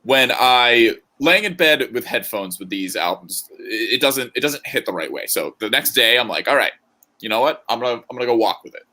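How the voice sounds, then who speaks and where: A man's voice: mid-range voice, expressive, brisk, sharp tone. A man co-hosting a podcast in casual banter, joking and rambling with frequent laughs. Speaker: podcast co-host.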